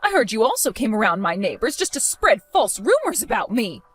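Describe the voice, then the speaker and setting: A spiteful, scheming mother-in-law, voiced by a woman in a dramatized story, protesting her innocence in a high, swooping voice. Soft music plays beneath her. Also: wildly swooping pitch, fairly quick, slightly rough, heavily acted. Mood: indignant.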